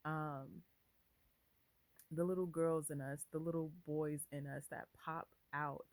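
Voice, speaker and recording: A woman hosting her own channel in a casual vlog chat, bubbly and giddy, gushing with excitement. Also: sits low, slow, no echo, low-quality recording. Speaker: channel host, author.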